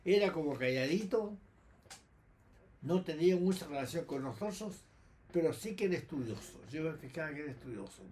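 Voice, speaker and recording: A man's voice: on the high side, lively intonation, a little fast, a little mellow, a little hiss or hum. A man in his seventies with a Chilean accent, telling his own memories to a grandchild and acting out the people he quotes. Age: 70s. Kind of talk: casual storytelling.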